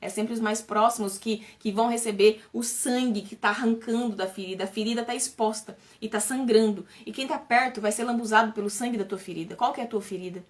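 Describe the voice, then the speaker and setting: Woman in her 30s talking fast to her live viewers, kinda high voice, earnest, keeps repeating herself. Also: steady tone. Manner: earnest and urgent, frequent restarts and repetition. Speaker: speaker on a live stream. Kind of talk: emotional personal talk to viewers.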